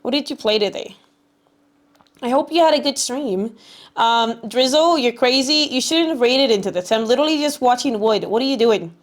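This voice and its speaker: A woman's voice: fairly high pitch, expressive, moderate pace. A woman livestreamer chatting casually with her viewers in a cute, bubbly anime-streamer way, often repeating herself.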